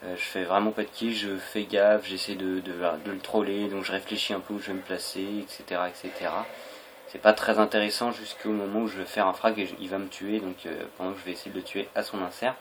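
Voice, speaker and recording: A man's voice: deep voice, flat delivery, quick pace, fairly bright tone. A young adult Frenchman gives casual, hesitant and rambling gameplay commentary on a noisy home recording. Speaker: gaming video creator.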